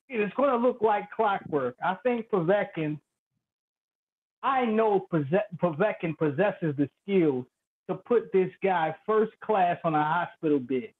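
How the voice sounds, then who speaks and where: A man calling in over a crackly, staticky phone line, talking in an animated, playful, trash-talking way. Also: high-pitched, slow. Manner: animated, loud and playful, vivid street storytelling. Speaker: guest predicting a boxing fight. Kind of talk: casual trash-talking chat. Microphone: cheap phone.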